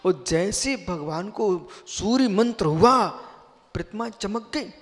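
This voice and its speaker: A middle-aged monk preaching a live sermon to an assembly, emphatic, swinging between quiet asides and loud bursts, asking listeners questions directly. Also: male voice, high-pitched, animated, slow. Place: large hall before a seated assembly. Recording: long reverb of a large hall.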